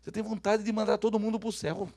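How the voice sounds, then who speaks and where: A man from Brazil preaching a sermon as pastor, swinging from quiet asides to loud calls for the congregation to repeat after him. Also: high voice, level tone, fast talker.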